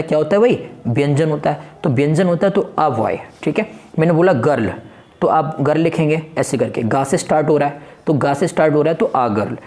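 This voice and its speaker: A man's voice: a little high, darkish tone. A man teaching a grammar lesson for an exam in speech. He keeps asking questions and answering them himself.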